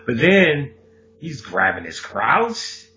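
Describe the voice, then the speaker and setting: Speaking slowly in a mid-range voice with a sharp tone, a podcast co-host sounds very animated. His casual conversation is full of laughter and acted-out quotes. There's a little hiss or hum in the dull, lo-fi recording.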